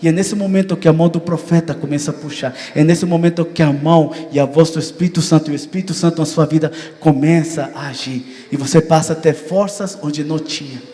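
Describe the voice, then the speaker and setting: A man's voice: a little fast, few pauses. Brazilian man preaching in a reverberant church. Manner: animated, acts out dialogue with rising pitch. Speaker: pastor. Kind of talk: sermon. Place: church hall. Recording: long church hall reverb.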